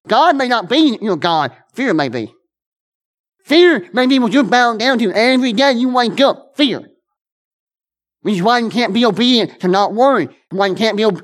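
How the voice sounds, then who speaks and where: A pastor preaching a conversational sermon in church, earnestly repeating and restarting phrases, quick in asides and slow on key lines. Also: male voice, sits high.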